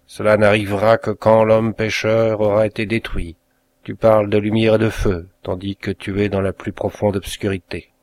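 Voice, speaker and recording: A man's voice: fairly low pitch, little pitch movement, normal speed, darkish tone, dry recording, lightly acted. A man voicing a raving puritan weaver who bellows doom like a fanatical preacher in a storybook reading. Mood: preaching.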